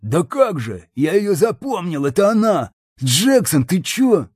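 A man's voice: sits high, very animated, unhurried, darkish tone, slightly rough, no room sound, clean studio sound, pitched above the performer's own voice, heavily acted. A man reading an audiobook, voicing a dim, angry male thug who snarls his lines.

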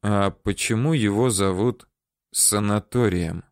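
A man voicing a hard, threatening male interrogator for an audiobook, talking curtly, slowly and low. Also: darkish tone, smooth, no room sound, studio quality. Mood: cold. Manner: curt, threatening, slow and low. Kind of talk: audiobook character voice.

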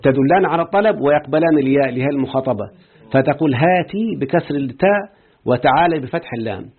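A man's voice: mid-range voice, very fast. Man teaching grammar in an Egyptian accent. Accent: Egyptian Arabic. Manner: explains step by step, keeps checking that students follow. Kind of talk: classroom grammar lesson. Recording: tinny phone-like husky recording.

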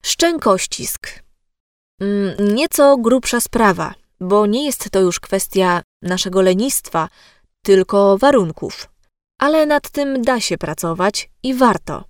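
Slow, measured woman podcast host. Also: medium pitch, no echo, studio quality. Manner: measured, speaks directly to the listener. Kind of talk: solo educational podcast.

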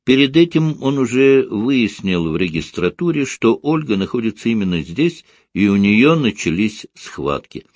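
A man narrating an audiobook in a measured, even storytelling manner. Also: fairly low pitch, no echo, clean studio sound. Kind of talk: scripted narration.

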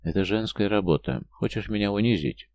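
A man's voice: lowish voice, fairly quick, creaky, darkish tone, dry recording. A man voicing a bitter, embittered former policeman in an audiobook, harsh and accusing. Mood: resentful. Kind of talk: audiobook character voice.

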